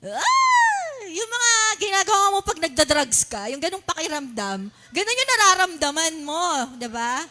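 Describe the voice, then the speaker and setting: A woman with a Filipino accent preaching a sermon, asking the congregation questions and mimicking excited worshippers. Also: very high voice, normal speed, hardly any pauses, heavy background noise. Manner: animated, asks the congregation questions, laughs, mimics shouting worshippers.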